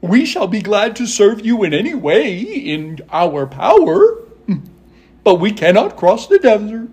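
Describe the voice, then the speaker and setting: Cackling, high-pitched monkey king. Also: very animated, slow pace, a little mellow, slightly rough, full character voice. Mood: gleeful, teasing. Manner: breaks into cackles between phrases. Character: giggling boastful male winged monkey king.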